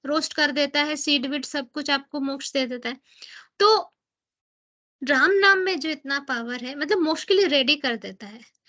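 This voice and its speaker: A woman's voice: high voice, pushed and bright, dull audio. A woman leading a devotional scripture class who explains in chatty mixed Hindi and English, asking and answering her own questions. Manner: reads English book passages slowly and deliberately.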